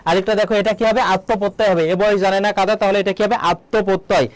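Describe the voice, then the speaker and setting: A man teaching an online exam-prep lesson, asking students questions, answering them himself and repeating key words slowly. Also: sits high, steady tone, dry recording. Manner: quizzes students, then answers his own questions. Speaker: admission exam tutor.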